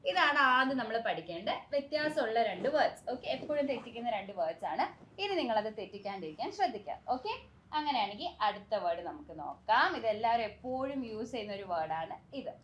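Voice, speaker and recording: Young female teacher from Kerala, animated and fairly high-pitched, models pronunciation slowly in a bilingual lesson. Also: slight background noise. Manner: repeats words slowly and carefully to model them. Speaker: English teacher.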